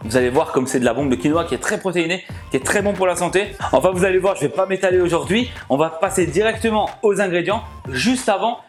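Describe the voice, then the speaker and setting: A man hosting a casual cooking vlog, chatty and jokey, who often laughs and talks straight to his viewers. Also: fairly high pitch. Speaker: cooking channel host.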